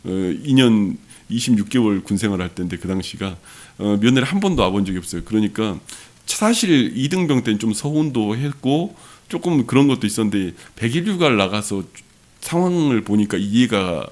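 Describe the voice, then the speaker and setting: A man's voice: lowish voice, sing-song, moderate pace, a little mellow. A middle-aged man from Jeolla, South Korea, preaching a sermon as pastor, telling a personal story with earnest rhetorical questions to the congregation.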